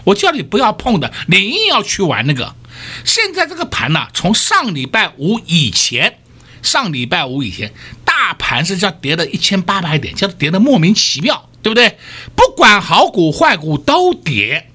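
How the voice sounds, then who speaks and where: Pushed, bright, and husky, this male stock market analyst's high voice swoops wildly in pitch at a normal speed. Hosting his radio show, he talks with emphasis and peppers listeners with rhetorical questions.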